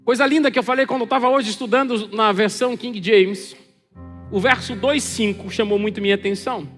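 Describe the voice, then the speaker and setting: A Brazilian preacher with a very high, bright, forceful voice delivers an animated sermon and acts out the voices of the people in it. His voice rings with long reverb in a church hall, with faint music underneath. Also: brisk. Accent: Brazilian Portuguese.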